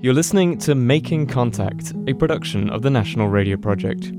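A man reading a station announcement in a steady, promotional manner. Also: mid-range voice, brisk. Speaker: radio announcer. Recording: read over guitar music.

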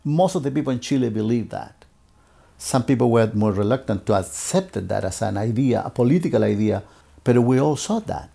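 Gravelly man recalling the past earnestly. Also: mid-range voice, warm tone. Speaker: interviewee. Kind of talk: recalled testimony.

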